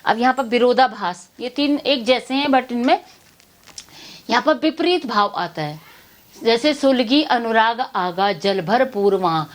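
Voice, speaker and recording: A woman's voice: on the high side, expressive, a little slow. A woman teaching a Hindi grammar lesson to students, repeating terms and asking herself questions before she answers them.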